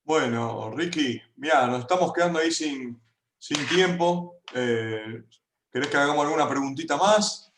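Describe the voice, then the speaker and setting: A man with a Rioplatense Argentine accent hosts a video call talk, moderating questions briskly. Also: on the high side, a bit bright. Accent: Rioplatense Argentine Spanish. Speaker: interview host. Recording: roomy echoey room.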